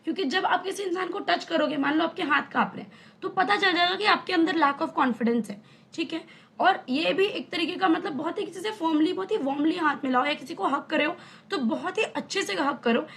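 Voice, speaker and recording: Young female tutor, high voice, casual and conversational online lesson. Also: normal speed, vocal fry, fairly bright tone. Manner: chatty, explains with everyday examples and rhetorical questions. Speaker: teacher.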